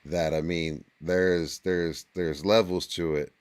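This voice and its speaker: Very deep, slow-talking male host. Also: steady tone, smooth. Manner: halting, repeats words, trails off. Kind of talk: casual interview chat.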